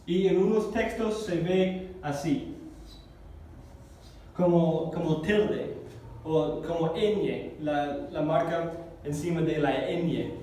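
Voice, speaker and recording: A man teaching a Greek class, explaining slowly and carefully, repeating words and correcting himself as he goes. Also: on the high side, warm tone, slight background noise. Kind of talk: classroom lesson. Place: church classroom. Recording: echoey room recorded from a distance.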